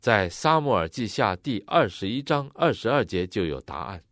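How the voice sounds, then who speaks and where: A man interpreting a sermon phrase by phrase, matching the preacher's expressive delivery. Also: on the low side, moderate pace, no echo, clean studio sound.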